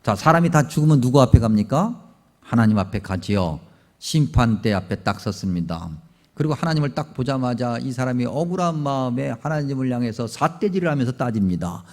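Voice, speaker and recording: A man's voice: mid-range voice, expressive, brisk. A man preaching a Sunday sermon as pastor, telling stories and asking the congregation questions. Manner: storytelling, asks the congregation questions. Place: church sanctuary. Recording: long church reverb.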